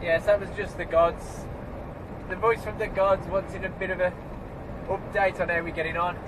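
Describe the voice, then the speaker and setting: A man with a high voice and little pitch movement, speaking at normal speed, films a casual driving vlog from his truck cab. Stuffed up from a cold, he chats to the camera and grumbles at other road users over road and engine noise in the cab.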